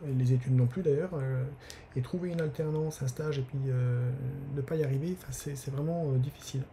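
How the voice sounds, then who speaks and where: A man's voice: mid-range voice, warm tone, a little hiss or hum. A man hosting a live stream from his desk, talking casually with many hesitations and restarts. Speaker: newsletter author hosting a live giveaway stream.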